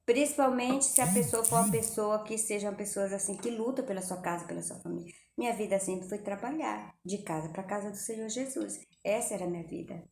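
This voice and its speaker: A woman's voice: mid-range voice, brisk, gravelly, hardly any pauses, a little mellow, a little hiss or hum. A middle-aged Brazilian woman chatting casually to her viewers at home, talking straight to them and often dropping religious phrases. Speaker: vlogger. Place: home kitchen. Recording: echoey room with faint ambience.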